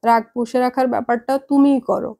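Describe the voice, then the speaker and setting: A woman voicing a calm young adult daughter who reasons patiently with her parents. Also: on the high side, fairly quick, creaky. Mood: patient, reasoning.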